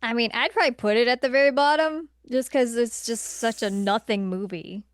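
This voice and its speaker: A podcast co-host with a somewhat high voice chats casually and informally while discussing film rankings, emphasizing her points by repeating herself. She speaks briskly, and the studio sound is clean with no room sound.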